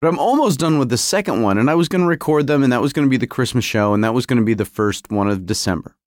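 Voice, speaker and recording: Animated man rambling in his garage. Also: mid-range voice, quick pace, no echo, studio quality. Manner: self-interrupting, wry. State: feeling cold. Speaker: podcast host. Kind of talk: rambling casual solo podcast talk. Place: home garage.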